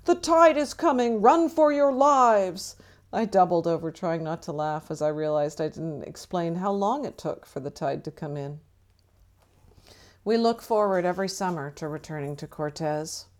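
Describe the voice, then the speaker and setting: A middle-aged woman reading a reflective personal essay as a mother, measured and thoughtful. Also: lowish voice, darkish tone. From British Columbia, Canada. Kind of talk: scripted personal narration.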